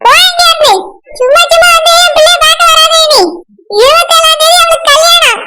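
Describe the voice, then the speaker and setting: A woman's voice: extremely high pitch, fairly even intonation, fairly quick, heavy background noise. A woman voicing a stern, controlling village mother with a Kanyakumari accent, scolding in a cartoon. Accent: Kanyakumari Tamil. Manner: scolding, commanding. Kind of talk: cartoon voice acting.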